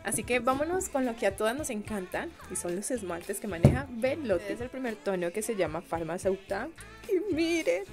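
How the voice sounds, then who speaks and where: A young woman with a Colombian accent talks through a beauty unboxing in a chatty, gushing voice of middling pitch. She exclaims often and addresses her viewers directly. Faint music plays behind her. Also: animated, brisk, hardly any pauses. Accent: Colombian Spanish. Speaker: beauty vlogger.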